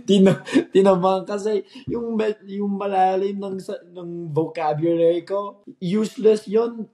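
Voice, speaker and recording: A young man from California talks in a casual chat, slipping between Tagalog and English as he goes. His voice is dark and mellow, and he pauses and restarts as he searches for words. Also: sits high, steady tone. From California, USA. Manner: learner's Tagalog mixed with English, hesitant restarts. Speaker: guest, former missionary.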